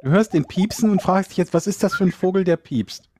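A man's voice: high voice, fairly quick, a little mellow, dry recording, studio quality. A man co-hosting a casual chat podcast, talking playfully and imitating bird chirps. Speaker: podcast co-host.

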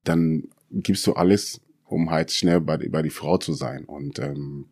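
A man's voice: low-pitched, big pitch swings, measured pace, vocal fry, darkish tone, slightly rough, dry recording, studio quality. A middle-aged man, a former footballer, telling a story as an interview guest and acting out the quoted dialogue in it.

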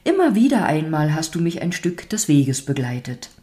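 A small, kindly old woman speaks gently and with understanding, as a woman reads her part in a storybook. The voice is low and mellow. She speaks softly throughout. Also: sing-song, normal speed. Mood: gentle. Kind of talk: storybook reading.

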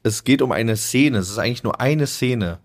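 A man's voice: medium pitch, animated, normal speed. A man co-hosting a casual podcast chat, animatedly retelling a scene and acting out the quoted voices. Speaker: podcast co-host. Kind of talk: casual chat about reality TV.

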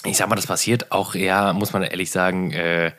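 A man's voice: low-pitched, level tone, brisk, fairly bright tone. A man in casual chat, laid-back, adding brief comments to a conversation.

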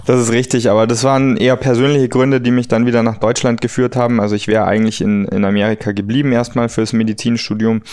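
A man in his thirties, born in the United States, talking casually as a podcast co-host, relaxed and easygoing, with frequent fillers. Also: mid-range voice, fast, few pauses, no echo, clean studio sound. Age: 30s. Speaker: podcast co-host, trauma surgeon.

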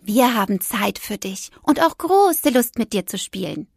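A woman's voice: on the high side, expressive, measured pace, vocal fry, slightly rough, no room sound, studio quality, full character voice. A woman voicing a cheerful, boastful crafted toy creature in a children's audio story, bubbly and confident.

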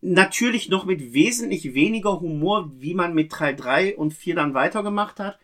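A man's voice: high-pitched, expressive, moderate pace, a bit bright. A middle-aged man co-hosting a podcast, earnestly recalling films and explaining details in casual chat. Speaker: podcast co-host.

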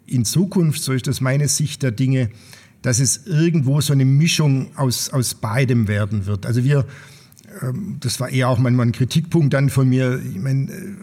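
A man's voice: mid-range voice, a little slow, mellow, big-room sound. A man being interviewed as a company owner, speaking thoughtfully with many fillers and restarts. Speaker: managing partner of an engineering firm, guest. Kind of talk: podcast interview.

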